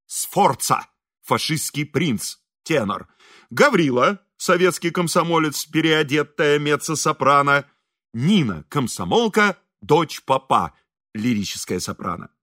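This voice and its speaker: A man narrating an audiobook in a lively, expressive way. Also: a little high, unhurried, no echo, studio quality. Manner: lively, expressive, voices characters. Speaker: audiobook reader.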